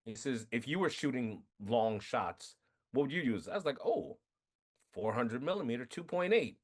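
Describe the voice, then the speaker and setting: A man being interviewed about his film, telling animated stories, acting out quotes and laughing often. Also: mid-range voice, moderate pace. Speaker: filmmaker guest. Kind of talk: casual interview storytelling.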